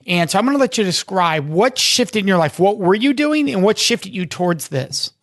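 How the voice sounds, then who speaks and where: Podcast host, man, high with gravelly fry, dry close mic. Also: sing-song, normal speed, a bit bright, no echo. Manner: friendly, scripted intro then chatty. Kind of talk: podcast interview hosting.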